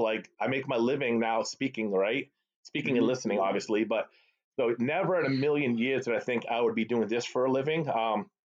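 Chatting as an interview guest, this middle-aged Boston-area sales executive speaks with a Boston accent at medium pitch, though Arabic is his first language. He tells stories in an animated, chatty way, frequently adding tag questions like "right?". Sound quality is slightly dull lo-fi call audio, USA.

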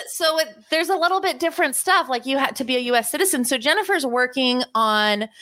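A woman co-hosting a podcast, chatty and enthusiastic, often pausing on fillers. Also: medium pitch, fairly bright tone, dry recording. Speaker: podcast co-host. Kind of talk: casual podcast chat.

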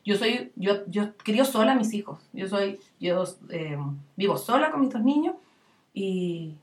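A middle-aged woman with a Chilean accent giving parenting advice in casual chat, acting out little scenes with lively voices. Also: mid-range voice, unhurried. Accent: Chilean Spanish. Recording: roomy echo, distant mic.

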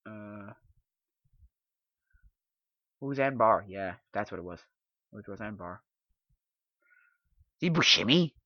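A man hosting a podcast in casual chat, rambling and halting as he thinks aloud. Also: fairly low pitch, animated, bright, forceful tone, dry recording. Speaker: podcast host. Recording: dull lo-fi dry sound.

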